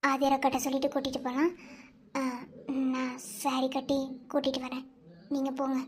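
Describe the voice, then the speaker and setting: A woman voicing a calm young sister-in-law in a cartoon, talking softly and gently reasoning. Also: high-pitched, normal speed, a little hiss or hum, close to an everyday voice. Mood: gentle.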